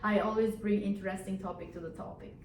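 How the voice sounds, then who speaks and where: A woman's voice: medium pitch, steady tone, fast talker, darkish tone. A woman from India, rambling in a casual, chatty storytelling vlog and often repeating herself. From Northeast India. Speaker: vlogger. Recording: echoey room with faint background hum.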